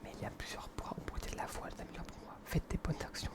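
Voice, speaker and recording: A young man whispering in a hushed, breathy library whisper as he presents books in an informal, earnest, hesitant ASMR style. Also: fast.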